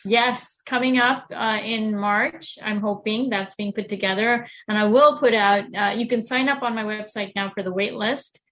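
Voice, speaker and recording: A woman's voice: medium pitch, moderate pace, few pauses, fairly bright tone. A middle-aged woman, a wellness consultant, talking in a podcast interview in an earnest, encouraging way that rambles with restarts.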